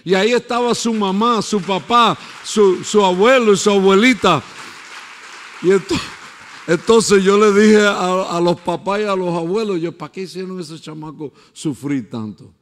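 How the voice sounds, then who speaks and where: Preacher man, high voice, swings to shouting. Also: unhurried. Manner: storytelling, swinging from hushed to shouting. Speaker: pastor. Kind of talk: sermon.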